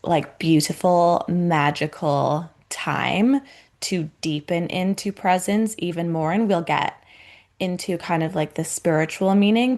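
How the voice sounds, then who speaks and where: A woman in her thirties hosts a casual solo podcast, chatting reflectively with plenty of fillers. Her voice is fairly low and darkish, with vocal fry.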